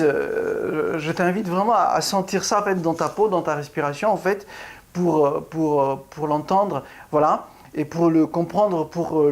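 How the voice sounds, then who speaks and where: Halting middle-aged ballet pianist teaching. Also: medium pitch. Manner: halting, with many restarts and repeated words; explains while demonstrating rhythm and breathing. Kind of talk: casual video lesson.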